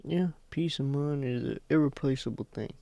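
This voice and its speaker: A man's voice: mid-range voice, moderate pace, gravelly, dark tone, no room sound, muffled recording. A man giving casual, joking commentary over a game with dry asides. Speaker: gameplay streamer.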